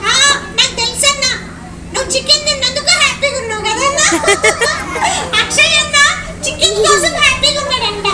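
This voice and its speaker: During a live puppet show for kids, a puppeteer voices the cheeky boy puppet Andy briskly in a high, squeaky tone. Andy is chatty and playful, teasing the children and calling everyone brother. The audio is distant and echoey, from a hall filled with a loud crowd and noise.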